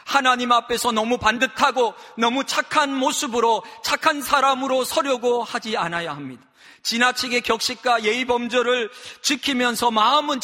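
A man's voice: extremely high pitch, pushed and bright, long reverb tail. A man preaching a conversational sermon as a pastor, acting out prayers and quotes in varied voices.

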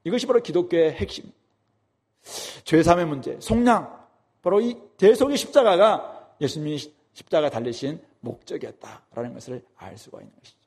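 A man's voice: fairly high pitch, lively intonation, a little fast, a little mellow, slightly rough. A man preaching a sermon as a pastor, speaking emphatically and asking rhetorical questions.

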